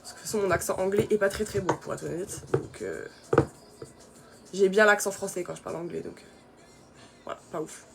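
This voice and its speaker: A woman's voice: medium pitch, brisk, vocal fry, long pauses, over loud music. A young woman from France chatting casually through her skincare routine, with many fillers. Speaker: beauty vlogger.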